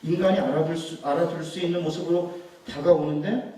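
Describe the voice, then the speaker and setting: Man in his fifties, a joking preacher with a mellow voice, heard from across a booming church hall. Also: fairly even intonation, a little fast, slight background noise. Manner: chatty, joking, rhetorical questions. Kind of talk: humorous sermon. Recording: echoey hall, mic at a distance.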